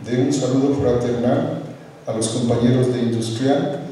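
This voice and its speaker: A man's voice: mid-range voice, steady tone, normal speed, dark tone. A man giving a formal greeting speech as a delegate. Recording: echoey hall, distant, muffled, faint noise.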